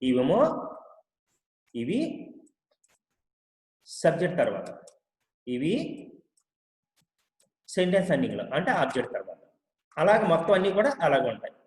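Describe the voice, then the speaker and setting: Echoey man teaching English slowly. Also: on the high side, very animated, darkish tone. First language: Telugu. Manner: explains slowly, repeating each example and reading English sentences out slowly. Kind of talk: spoken English lesson. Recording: echoey room with long reverb.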